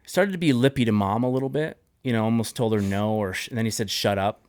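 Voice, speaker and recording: A man's voice: fairly low pitch, quick pace, a little mellow, no echo, studio quality. A man hosting a podcast, telling a personal story in an earnest, heartfelt way, often restarting his sentences. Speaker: podcast host. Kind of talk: casual podcast conversation.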